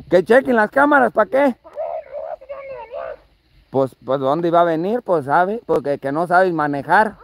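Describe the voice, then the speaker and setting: A man's voice: sits high, vocal fry, a little hiss or hum. A man with a Mexican accent scolding someone in a comic one-sided argument, exasperated and repetitive. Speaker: vlogger.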